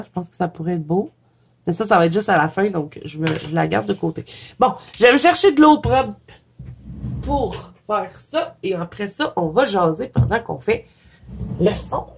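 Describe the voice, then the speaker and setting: A woman with a Quebec French accent, congested with a head cold, chatting casually and laughing at herself as she paints for her viewers. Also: medium pitch. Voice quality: chatty, laughs often, self-deprecating. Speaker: watercolor coloring vlogger. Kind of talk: casual chat while painting.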